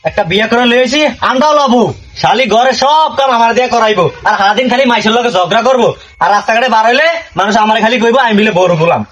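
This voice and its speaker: A man's voice: medium pitch, quick pace, a little hiss or hum, lightly acted. A man as a whiny, henpecked husband. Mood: complaining. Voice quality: whiny, complaining. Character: henpecked grumbling husband, weary of his wife. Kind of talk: comedy skit acting.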